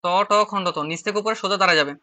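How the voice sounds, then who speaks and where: A man from Bangladesh with a Chittagong Bengali accent teaches an online shorthand class, patiently repeating each step as he drills and explains. His voice is high-pitched and sharp, and he talks rapid-fire.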